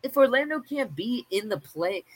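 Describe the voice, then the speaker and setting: A man's voice: extremely high pitch, lively intonation, normal speed. A young man co-hosting a sports podcast, chatting casually over a live game in hyped frat-bro slang.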